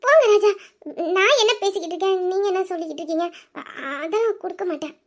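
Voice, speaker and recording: A mischievous young wife in an audio drama, played by a woman, chatty and boastful. Her voice sits very high, and she rattles along quickly. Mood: sulky. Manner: chatty and boastful, dropping to a hushed scheming tone. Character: playful, mischievous young wife named Ruby. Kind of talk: Tamil audio drama acting.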